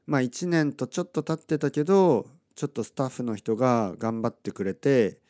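Man with a lively, animated delivery and a middle pitch for a chatty story vlog; talks loosely with fillers and plays the people he quotes. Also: moderate pace. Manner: chatty, acts out quoted lines in other voices; laughs often between remarks. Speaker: vlogger telling a personal story. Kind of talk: casual storytelling monologue.

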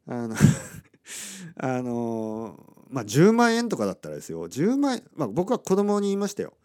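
A man's voice: mid-range voice, wildly swooping pitch, measured pace, warm tone. A man telling a personal story in a casual monologue, acting out the lines people said to him. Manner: chatty, acts out quoted lines in other voices; laughs often between remarks.

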